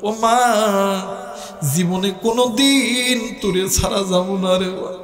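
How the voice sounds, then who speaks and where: A man's voice: high-pitched, unhurried. A man voicing a grieving adult son who searches for his dead mother, pleading in a wailing, sung voice. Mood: wailing grief. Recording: echoey hall with faint music.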